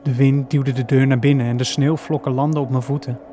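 A man reading a horror story aloud slowly and deliberately. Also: medium pitch, little pitch movement, mellow. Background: faint music.

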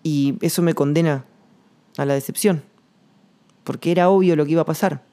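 A man with a Rioplatense Spanish accent hosting a reflective solo podcast monologue, rambling and slangy, thinking aloud with pauses. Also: a little high, fairly even intonation, warm tone. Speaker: podcast host.

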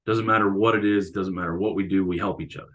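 A coach and teacher talks through his experiences in an easygoing interview. He has a very deep, low-pitched voice and speaks reflectively. His thoughts unfold like stories told to a friend. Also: fairly even intonation, quick pace, a bit bright. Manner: reflective, storytelling. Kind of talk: casual interview conversation.

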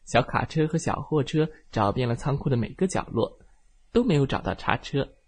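A man telling a bedtime story to children, lively and expressive as he narrates. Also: mid-range voice, normal speed, slightly rough.

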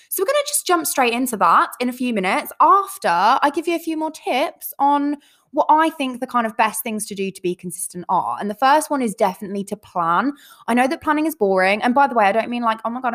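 A young woman hosts her own podcast, talking in a bubbly, chatty, rambling way that is full of fillers. Her voice sits a little higher than most. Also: a bit bright. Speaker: podcast host; online coach. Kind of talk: casual solo podcast chat.

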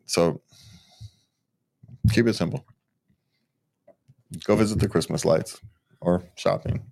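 A man's voice: low voice, slow, gravelly. An older man co-hosting a podcast, chatting casually and laughing often. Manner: relaxed, joking, laughs often. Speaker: podcast co-host. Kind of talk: casual chat.

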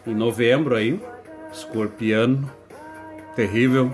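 A man in his thirties with a southern Brazilian accent talks casually as a radio co-host. His voice sits at a medium-high everyday pitch range for banter, and he often repeats short phrases as he tells stories. Music plays faintly behind him. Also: fairly even intonation, slow. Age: 30s. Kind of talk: casual chat and storytelling.

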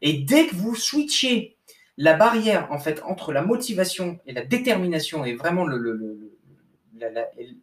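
A young man who coaches sports gives a casual pep talk at an indoor desk, his voice pitched on the high side, animated, at a normal speed. He keeps restarting his sentences, leans on slang, and calls the listener "bro." The mic sits at a distance in an echoey room.

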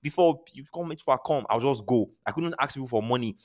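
The charity founder, a podcast guest with a Nigerian accent, talks fast in a mid-range, slightly mellow voice. His interview talk is earnest and motivational, with phrases repeated for emphasis.

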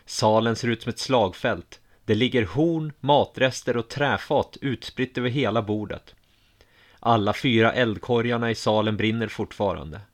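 A man narrating a first-person audiobook story in a calm, measured way. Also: mid-range voice.

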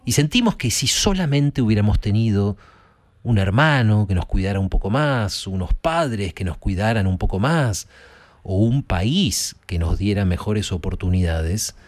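A man's voice: fairly low pitch, animated, normal speed, darkish tone. A man with an Argentine accent hosting a talk and addressing listeners in a conversational, emphatic way. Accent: Argentine Spanish. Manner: conversational, emphatic, with many fillers and tag questions. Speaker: host discussing film and rock. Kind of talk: reflective spoken commentary to listeners.

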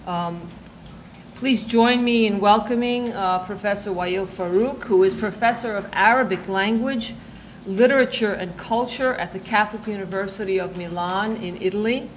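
A woman hosting an event, giving a semi-formal introduction with frequent pauses mid-phrase. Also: mid-range voice. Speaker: event host introducing a speaker. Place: indoor event, being filmed. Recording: faint background noise.

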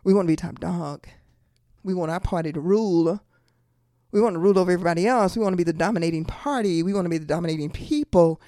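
Woman preaching with gravelly warmth. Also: fairly low pitch, dry recording, clean studio sound. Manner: repeats key lines slowly for emphasis; calls out to the congregation. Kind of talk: sermon.

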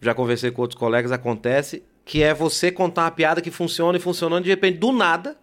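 A man's voice: a little high, fast talker, a bit bright. A man, a stand-up comedian, chatting as a guest in a casual interview, telling stories and acting out his own thoughts.

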